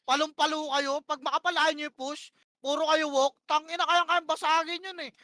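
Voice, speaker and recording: Woman, high bright voice, bossy profane game shot-caller, short repeated commands, dry close sound. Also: level tone, brisk, no room sound. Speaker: online game player calling plays to her team. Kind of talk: live gameplay shot-calling.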